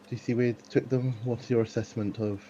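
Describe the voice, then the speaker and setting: A man's voice: medium pitch, flat delivery, brisk, dark tone. A man playing a tabletop game on an online call, chatting casually and a little tentatively. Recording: muffled call, faint background noise.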